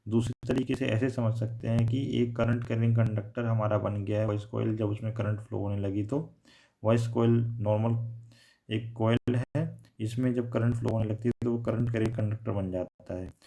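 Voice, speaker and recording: Teaching a technical lesson, this man speaks in a lowish, creaky voice with a dark tone. He keeps going back over his points in new words and drops in English terms throughout the explanation.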